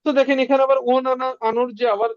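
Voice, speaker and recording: Higher-pitched woman drilling pronunciation. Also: level tone, rapid-fire, no echo. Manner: drills sounds with repetition and quizzing questions. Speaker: language teacher. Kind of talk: beginner language lesson. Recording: dry, muffled lo-fi sound.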